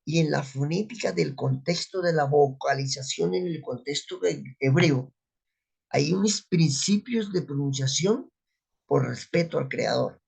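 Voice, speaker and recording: A man's voice: mid-range voice, creaky, a little mellow, slightly rough. A man giving an unscripted Bible teaching, asking rhetorical questions and answering them himself. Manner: spoken, unscripted, with restarts. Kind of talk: religious teaching talk.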